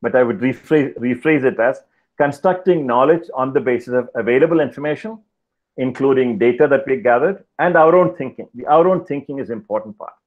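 An older man delivers a keynote lecture from home through a headset on a video call. He talks in a measured, deliberate way, pausing often with fillers. His voice sits in an ordinary middle register, and the call audio is a little dull. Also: mid-range voice. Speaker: keynote speaker. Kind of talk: lecture over slides.

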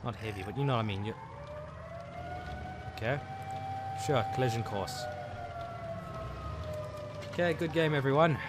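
A man's voice: mid-range voice, animated, normal speed, pauses often, very noisy. A man from South Africa giving casual live commentary while playing a video game, muttering his reactions as he plays. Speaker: gaming channel host.

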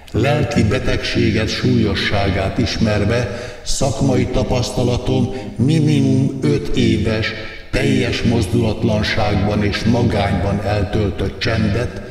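Pompous male wizard-doctor played by a man: low, declaiming a mock meditation sermon from far off in a reverberant hall over music. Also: darkish tone, close to an everyday voice. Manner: declamatory, piles up long lists of verbs. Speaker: meditation therapist in a satirical video. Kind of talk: satirical guided meditation sermon.

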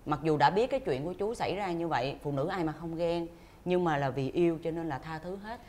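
A woman's voice: deep voice, a little fast, warm tone. A woman co-hosting a talk show, speaking earnestly and reassuringly to an older guest. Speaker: co-host.

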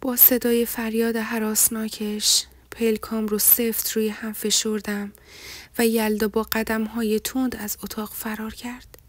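A woman narrating a novel in the first person, in a soft delivery that often drops to a breathy half-whisper. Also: a little high, flat delivery, dry recording. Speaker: audiobook narrator.

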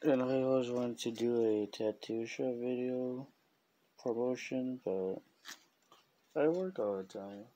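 Man, dark mellow tone, unhurried, casual vlog, chuckles often. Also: medium pitch, dull audio, a little hiss or hum. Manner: slow, rambling, chuckles often. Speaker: collector showing business cards. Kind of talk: casual show-and-tell vlog.

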